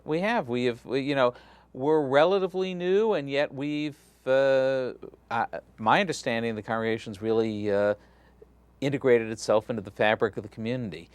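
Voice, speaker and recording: A middle-aged rabbi from Galveston, Texas, talks in a casual interview with a mid-range voice at a moderate pace. His manner is loose and friendly, with many fillers and restarts, and the sound is clean with no echo.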